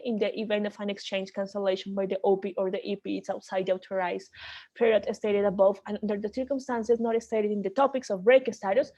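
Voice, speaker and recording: A woman's voice: medium pitch, mellow. A woman leading an online training call, explaining rules step by step with frequent restarts.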